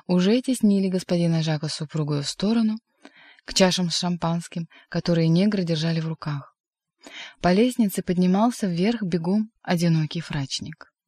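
A narrator giving a measured, expressive reading of a literary audiobook. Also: medium pitch, dry recording.

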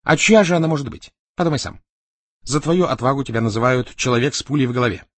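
A man reading an audiobook, voicing a scheming middle-aged tycoon in a raised, excitable voice with a husky edge. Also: mid-range voice, fast, dry recording, voice pushed up, lightly acted. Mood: persuasive.

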